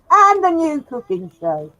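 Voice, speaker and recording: This woman's voice is high, pushed and bright, with no echo, as she casually chats and laughs often while hosting a sci-fi live stream. She's in a room with a glass roof, and the recording sounds dull, dry and lo-fi.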